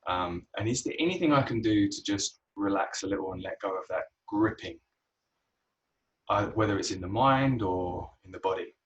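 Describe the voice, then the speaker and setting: A man guiding a yoga class, relaxed and unhurried, with frequent ums. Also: deep voice, distant mic, muffled recording. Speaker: yoga teacher.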